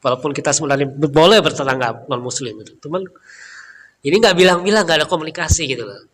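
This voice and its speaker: A middle-aged man giving a relaxed, chatty Islamic study talk in a mosque, often tagging his sentences with filler words. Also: fairly high pitch, quick pace, a little hiss or hum. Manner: chatty, leans on filler tags. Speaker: Islamic preacher. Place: mosque hall. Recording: reverberant hall, faint room ambience.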